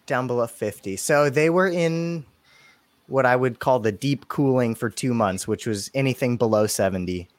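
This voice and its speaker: A man's voice: medium pitch, no echo. Casual male podcast guest, easygoing, laughing, dry close mic. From San Francisco Bay Area. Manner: laughs often, relaxed and chatty. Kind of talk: casual chat.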